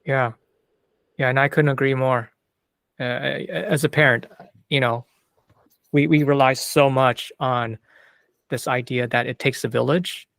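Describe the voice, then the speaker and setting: Male host, conversational and agreeable; slight vocal fry, dry sound. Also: mid-range voice, fairly even intonation, unhurried, long pauses, a bit bright, no echo. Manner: conversational, agreeing and building on the guest's points. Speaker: podcast host. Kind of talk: podcast interview.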